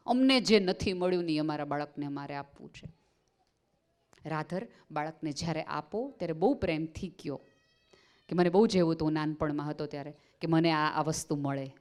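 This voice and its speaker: A woman speaking at a parenting seminar, talking earnestly to parents and slipping into quoted voices as she tells stories. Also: fairly low pitch. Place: school seminar hall.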